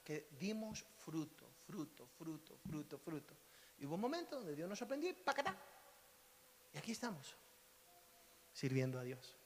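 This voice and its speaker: Spanish pastor preaching, tells stories, bursts out loud, long echo in a hall, bit of hiss. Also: male voice, high-pitched, very animated, moderate pace, long pauses. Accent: Spain Spanish. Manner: storytelling, sudden loud cries and laughs. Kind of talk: lively sermon with jokes.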